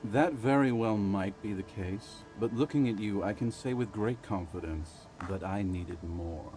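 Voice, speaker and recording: A man's voice: fairly low pitch, measured pace, mellow, faint music behind, lightly acted. A man voicing a down-and-out drunk who trades stories for booze, in a wheedling, theatrical way. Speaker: game character.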